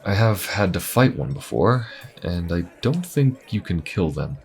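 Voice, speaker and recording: Voiced by a man with an extremely low, slightly mellow voice, a wry, weary inquisitor adventurer muses casually and dryly with hesitant pauses, as though speaking to a single listener in a fantasy audio roleplay. The delivery is very animated and exaggerated, his mood musing and mildly disgusted.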